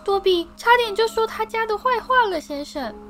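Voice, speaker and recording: Woman doing a shrill squeaky house-elf guy, overwrought and groveling, storybook voice. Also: lively intonation, normal speed, a bit bright, slight background noise. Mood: anxious. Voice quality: high and shrill. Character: small servile excitable male house-elf, tearful.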